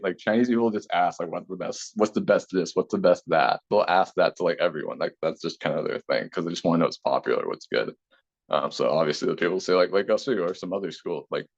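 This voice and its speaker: Casting: low-voiced man in his thirties, relaxed, rambling interview guest, slightly muffled recording. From Taiwan. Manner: relaxed, rambling, many fillers. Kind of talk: casual conversational interview. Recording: slightly dull lo-fi sound.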